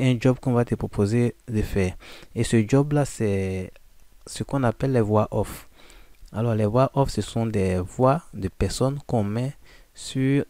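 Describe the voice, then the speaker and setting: A man giving a casual, informal software walkthrough, addressing the listener directly with frequent fillers. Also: medium pitch, no room sound. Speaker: software tutorial presenter. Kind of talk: casual screen-recording walkthrough.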